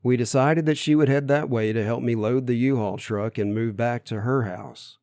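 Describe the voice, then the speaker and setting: A man's voice: medium pitch, steady tone, moderate pace, a little mellow, no echo, clean studio sound. A man narrating his own memoir as an audiobook in an earnest, plain storytelling manner.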